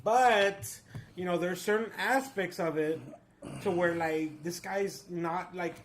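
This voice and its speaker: Tipsy, high-pitched man rambling with noise behind. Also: rough recording. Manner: halting, repetitive. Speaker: drunk movie review co-host. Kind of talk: casual movie review chat.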